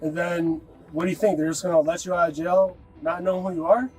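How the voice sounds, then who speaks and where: High-voiced cop calmly persuading. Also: male voice, fast, husky, faint music behind, low-quality recording. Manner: calm, persuasive. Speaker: police officer. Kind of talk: bodycam conversation. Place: roadside traffic stop, outdoors.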